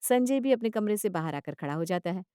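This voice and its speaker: Woman storyteller, steady scripted narration, dry close recording. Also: medium pitch, a little fast, clear, resonant tone, dry recording.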